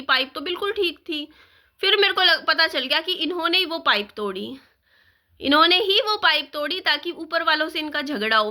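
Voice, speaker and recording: Woman vlogger, high and very bright voice, chatty storytelling that keeps asking the viewer questions. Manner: animated, rhetorical questions to viewers. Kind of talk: casual storytelling to camera.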